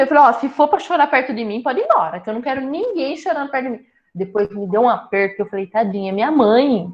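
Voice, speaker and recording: Joking woman with a lo-fi sound. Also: fairly high pitch. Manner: lively, joking storyteller. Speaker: breast cancer patient sharing her story. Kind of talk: casual conversation. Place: small town in Brazil. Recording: dull lo-fi sound.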